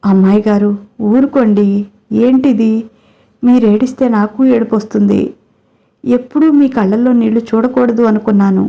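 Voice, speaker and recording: A meek, deferential young farmhand from a storybook, as read by a woman. He speaks humbly and softly, in a dark, mellow voice. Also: on the high side, steady tone, moderate pace, gravelly, pauses often, lo-fi sound. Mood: pleading. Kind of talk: storybook character reading.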